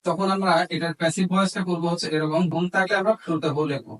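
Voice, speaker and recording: Here a man with a Bangladeshi accent gives a grammar lesson in a slightly high, fairly bright voice, keeping a steady tone at a fast pace. He breaks things down step by step, dictating small portions and alternating Bengali and English terms, though the audio is poor.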